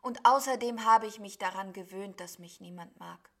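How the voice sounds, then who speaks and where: A woman's voice: on the high side, steady tone, unhurried. A woman voicing a gloomy, sulky cloud creature that whines and complains. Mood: mournful. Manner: whiny, mournful.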